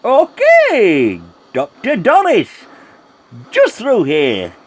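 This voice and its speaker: A man's voice: very high voice, huge pitch swings, extremely slow, heavily acted. A man playing a flustered, blustery old Santa Claus in a radio play. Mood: obliging.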